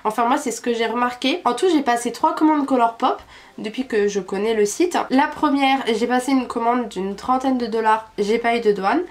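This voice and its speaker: A woman's voice: a little high, moderate pace. A young woman from France, chatting casually about a makeup order she received, with frequent hesitation fillers. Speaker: beauty vlogger. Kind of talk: casual product review.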